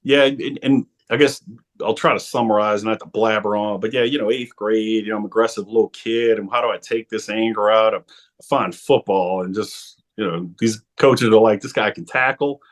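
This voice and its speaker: A man in his forties, a former football player, telling his story as a podcast guest, animated, laughing often and restarting his sentences. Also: lowish voice, moderate pace. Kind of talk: storytelling interview talk.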